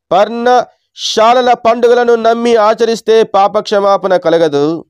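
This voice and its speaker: A man from India preaching a Sunday sermon in a measured teaching tone, asking his listeners rhetorical questions. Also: very high-pitched, a little mellow, smooth, no echo.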